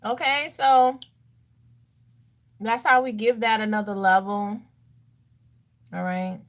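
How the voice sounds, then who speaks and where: Chatty woman with a slow drawl. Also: medium pitch, fairly even intonation. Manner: chatty, talks to herself while applying makeup; sassy asides to viewers. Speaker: beauty vlogger. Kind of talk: casual get-ready-with-me chat.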